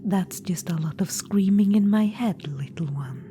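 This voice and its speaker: As an imperious undead witch-queen spirit in ASMR audio roleplay, a woman whispers coaxingly, teasing, looking down on the listener and giving orders. Her mid-range voice sounds natural and runs a little slow. The recording carries clear background noise.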